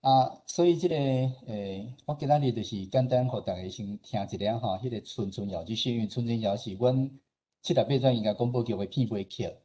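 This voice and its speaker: Brisk and warm, with a slightly rough texture at medium pitch, a Taiwanese-accented man gives an informal slide presentation. He works as a radio station director and host. He speaks conversationally and explains as he goes, frequently adding small agreement-seeking particles to his phrases.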